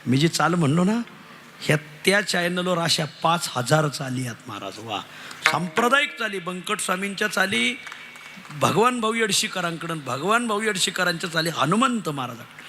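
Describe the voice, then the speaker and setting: A man preaching a devotional kirtan sermon, telling lively humorous stories to the audience. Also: high-pitched, moderate pace, a little hiss or hum. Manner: lively storytelling, addresses audience as maharaj.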